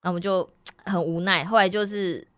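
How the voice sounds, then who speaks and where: A woman's voice: a little fast, clean tone. A woman in her late twenties or thirties with a Taiwanese Mandarin accent, telling a story in casual podcast chat and animatedly acting out the people in it. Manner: animated, acts out quoted people with big pitch jumps. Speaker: podcast co-host.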